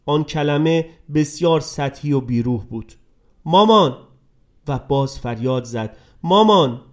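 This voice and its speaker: A man narrating a dramatic story in a scripted reading, dropping to a hush and rising with emotion. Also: mid-range voice. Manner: dramatic, swings between hushed and raised voice.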